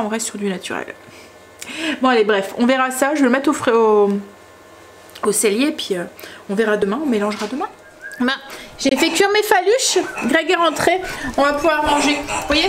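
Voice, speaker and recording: A woman's voice: on the high side, slight background noise. Chatty woman with a northern French accent. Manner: chatty, rambling, many hesitations. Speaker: vlogger. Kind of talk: casual home vlog chat.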